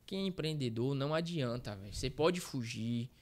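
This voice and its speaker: A man's voice: mid-range voice, expressive, normal speed, a little mellow. Rambling Brazilian man telling his story. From Bahia, Brazil. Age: 30s. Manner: rambling, self-correcting, uses slang fillers. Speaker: guest, street reporter. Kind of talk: casual interview storytelling.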